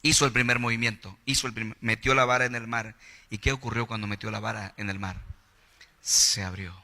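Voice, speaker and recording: Mexican pastor preaching in a reverberant hall. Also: male voice, mid-range voice, fast. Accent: Mexican Spanish. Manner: animated preaching, acts out quoted voices. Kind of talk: sermon.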